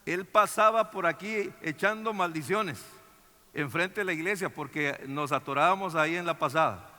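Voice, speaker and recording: Male pastor, high bright voice, animated conversational sermon, reverberant hall. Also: normal speed. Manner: animated, conversational storytelling with many restarts. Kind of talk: sermon with personal story.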